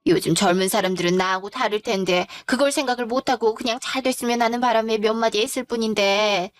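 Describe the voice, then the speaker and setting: A woman's voice: a little high, fast talker, no room sound, studio quality, faint music behind, lightly acted. A woman voicing a domineering older mother-in-law who scolds her young daughter-in-law with contempt, in a spoken story. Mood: self-pitying.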